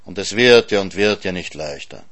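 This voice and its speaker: A man reading a story aloud in a calm, lively storytelling manner. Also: deep voice, normal speed. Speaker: narrator.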